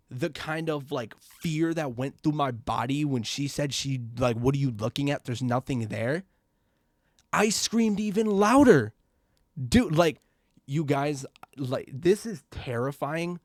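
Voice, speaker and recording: A young man tells a spooky childhood story straight to his viewers, loose and slangy, dropping bro and you guys between lines. His voice sits at an ordinary middle pitch. The sound is dry and close, with no room around it. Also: dry recording. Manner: quiet and low at first, grows loud and excited. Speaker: vlogger telling a story. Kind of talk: casual storytime.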